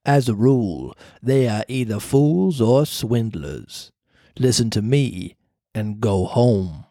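A podcast reader voicing the faint, grave ghost of an old talking cricket in a storybook reading, slow and measured. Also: mid-range voice, animated, dark tone, no room sound, studio quality, pitched below the performer's own voice.

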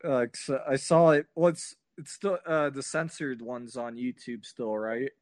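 A male podcast host with a mid-pitched voice rants with energy, piling up clauses and casual swearing. He laughs along with his guest between points. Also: a little slow. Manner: animated, ranting, swears a lot.

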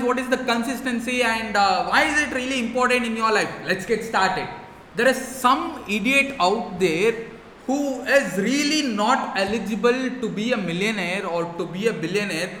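A man with a notably high-pitched voice delivers a motivational podcast monologue. He is earnest and emphatic, circling back to key phrases for weight. The sound is very roomy, with long reverb around the voice. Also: sharp tone. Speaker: podcast host. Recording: echoey reverberant room, faint noise.

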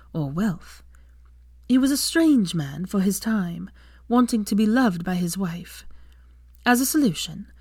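A woman voicing the kindly old noblewoman in an ancestral portrait, telling a story gently. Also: medium pitch, no echo, clean studio sound, pitched above the performer's own voice.

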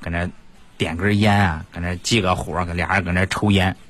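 A man's voice: sits low, flat delivery, a little fast, very noisy. A man doing stand-up comedy, telling stories in a chatty, self-mocking way and talking straight to the audience.

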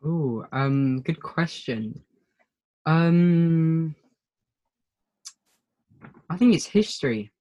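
A British man from the United Kingdom answering questions in a casual group video chat, pausing often with ums. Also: fairly high pitch, dark tone, low-quality recording. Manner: hesitant, many pauses and ums.

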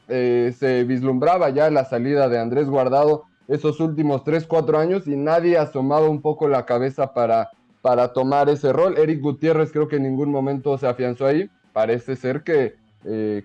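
A man giving conversational football analysis in a hesitant, measured way. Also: medium pitch, dark tone, highs cut off.

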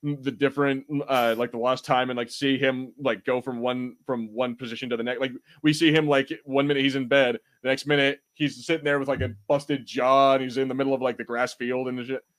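A man co-hosting a podcast banters casually about an episode, rambling and occasionally swearing. His mid-range voice is level and fairly bright, and he talks fairly quickly with few pauses.

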